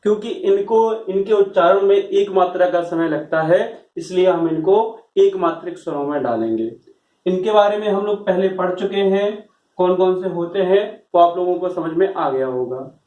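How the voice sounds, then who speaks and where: A man's voice: high voice, normal speed, highs cut off. A man teaching a grammar lesson to a class, explaining patiently and checking often that students follow. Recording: roomy echo, voice from far off.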